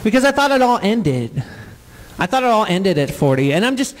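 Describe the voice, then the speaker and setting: A man in his forties doing live stand-up comedy before an audience, playful with drawn-out punchlines. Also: high voice, very animated, in a large hall, poor audio. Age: 40s. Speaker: comedian and singer.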